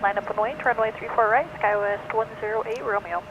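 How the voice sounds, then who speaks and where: A pilot's voice comes through an air traffic radio feed, rattling off clearance readbacks at a quick, clipped clip. The channel sounds dull and muffled, with loud noise riding underneath. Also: medium pitch, steady tone. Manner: brisk, clipped, matter-of-fact. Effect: heard over an air traffic radio feed. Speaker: airline pilot.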